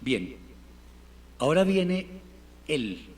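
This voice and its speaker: A man teaching a Hebrew class in Spanish, patiently repeating words slowly for his students. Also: on the high side, sing-song. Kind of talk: classroom language lesson. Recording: reverberant hall, faint room noise.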